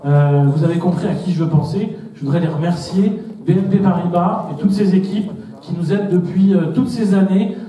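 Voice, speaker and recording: A man's voice: sits high, a little fast, warm tone. A man giving an organiser's thank-you speech to an audience. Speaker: festival organiser. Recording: very echoey hall, distant mic.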